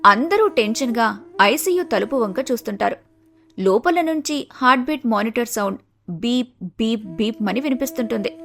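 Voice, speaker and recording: Woman narrator, scripted dramatic storytelling, fairly high voice, soft music under it. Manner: dramatic, suspenseful.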